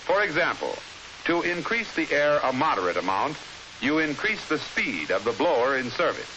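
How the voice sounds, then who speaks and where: An American man reading a scripted 1950s instructional film narration in a formal, measured, explanatory manner, on an old film soundtrack. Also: fairly high pitch, low-quality recording. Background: steady hiss.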